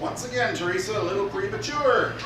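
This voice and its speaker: A stage magician with a high-pitched, lively, brisk voice delivers jokey live patter, teasing a volunteer and announcing to the crowd. The recording is noisy and echoey, captured from far off in a theater.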